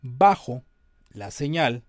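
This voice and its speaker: A man's voice: medium pitch, very animated, slow pace. A man lecturing on audio compression in an online class, explaining step by step and checking that his students follow.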